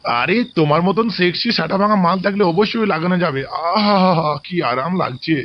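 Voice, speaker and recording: A lecherous old man of about sixty, slow and leering, voiced by a woman dropping deep below her own pitch. He sounds muffled and dull, as if heard through a wall. This is comic cartoon voice acting. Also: animated, close to an everyday voice. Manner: lewd, lazy and drawn-out. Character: lusty old man, father-in-law, around sixty.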